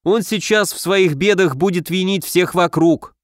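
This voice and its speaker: Male reader as a young elf archer in an audiobook, brisk and urgent, a dry close sound. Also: sits high, no room sound, voice pushed up, close to an everyday voice. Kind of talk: audiobook narration.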